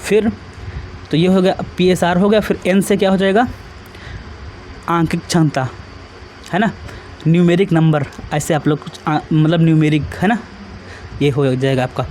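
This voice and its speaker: Guy going over exam questions, a bit high voice, faint traffic noise behind. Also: steady tone, normal speed, pauses often, darkish tone. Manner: repetitive, asks students questions, adds tag questions. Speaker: exam-prep tutor. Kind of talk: casual explanatory lesson.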